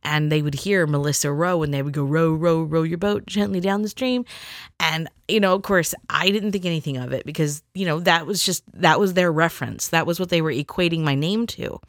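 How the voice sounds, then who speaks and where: A woman's voice: sits low, brisk, hardly any pauses, dry recording, clean studio sound. A middle-aged woman telling a rambling personal story in a chatty, casual way, acting out the people she quotes.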